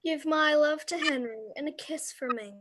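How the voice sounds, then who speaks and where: Breezy high-voiced suburban mother acted by a woman. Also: moderate pace, a bit bright. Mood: breezy, gossipy. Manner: breezy, gossipy. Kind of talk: radio play acting.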